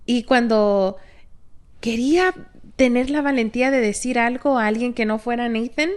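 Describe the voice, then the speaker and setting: A woman co-hosting a podcast, telling a personal story in a candid, animated way and slipping English phrases into her talk. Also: on the high side, moderate pace. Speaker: podcast co-host, teacher of girls.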